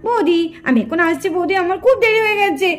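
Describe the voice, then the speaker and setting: A woman voicing a hurried young college student in a puppet cartoon, talking loud and impatient. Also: very high-pitched, animated.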